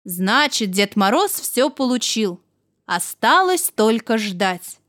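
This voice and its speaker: A friendly little storybook vehicle, upbeat and comforting, as a woman narrator puts it on. The voice is raised a little above her usual tone and lifts warmly on its lines. It is recorded close and dry. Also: on the high side, big pitch swings, slow, no room sound, heavily acted. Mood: cheerful. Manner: warm, reassuring, upbeat. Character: kindly humming little vehicle, good-natured friend. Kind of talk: storybook character voice.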